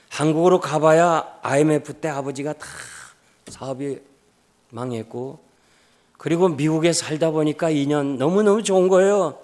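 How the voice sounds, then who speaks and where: Impassioned older male preacher. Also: on the high side. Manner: storytelling sermon, swings from hushed to loud impassioned calls; acts out quoted speech in the story. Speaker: pastor. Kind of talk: revival sermon. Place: church sanctuary.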